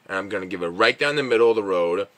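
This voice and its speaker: A man reviews candy in a home vlog with his dog around, chatting in a loose, filler-heavy ramble and occasionally speaking mid-chew. He talks at a racing pace in an animated voice that sits on the low side and is a bit bright.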